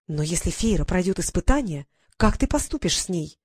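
A woman's voice: lowish voice, expressive, fairly quick, darkish tone, husky, no echo, clean studio sound. Woman reading a bloodthirsty, insistent woman servant. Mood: insistent, hateful. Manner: insistent, heated. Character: bloodthirsty devoted woman servant, fairy-hating.

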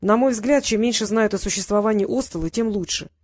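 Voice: medium pitch, fairly quick, darkish tone, natural voice. A reader voicing Fesh, a grumpy, proud winged boy who speaks curtly and with self-assurance. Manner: curt, blunt, self-assured.

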